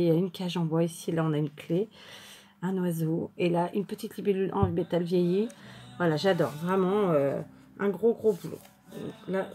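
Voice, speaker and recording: A woman chatting casually to her viewers while unpacking crafting mail, full of fillers and restarts. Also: fairly low pitch. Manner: chatty, many fillers and restarts, warm thanks. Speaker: crafting YouTuber. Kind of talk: casual chat showing mail and purchases.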